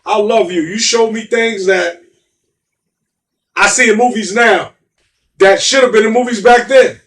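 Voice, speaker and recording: A man's voice: high-pitched, fairly even intonation, a little slow, a bit bright, distant mic. A middle-aged man with a New York accent, telling stories in casual, emphatic street talk and repeating himself. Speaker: guest.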